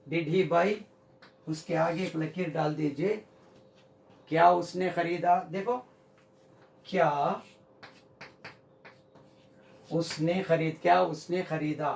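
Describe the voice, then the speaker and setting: A man teaching English grammar at a whiteboard, slowly repeating example sentences. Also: on the high side, creaky, a little hiss or hum. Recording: echoey room, mic far off.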